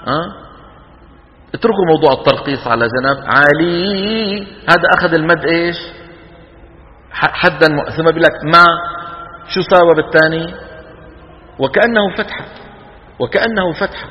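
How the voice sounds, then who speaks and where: A man's voice: a little high, fast talker, long pauses, highs cut off. A man teaching Quran recitation to a class, demonstrating vowel lengths and quizzing his students. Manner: lively, asks the class questions and demonstrates long vowels. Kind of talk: classroom lecture. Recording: hall with long reverb.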